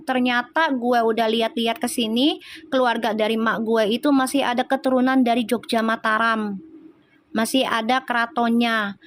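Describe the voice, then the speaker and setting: A woman's voice: a little high, fairly bright tone, a little hiss or hum. A woman with a Betawi Jakarta accent, chatting casually on a live stream as a tarot reader and talking straight to her viewers. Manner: chatty, talks straight to viewers by name, slangy.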